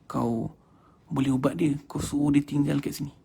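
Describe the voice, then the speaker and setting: A man with a Malaysian Malay accent voicing a scheming male devil, speaking in a hushed, coaxing whisper. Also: a little high, steady tone, normal speed, vocal fry, slightly rough. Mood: sly whisper.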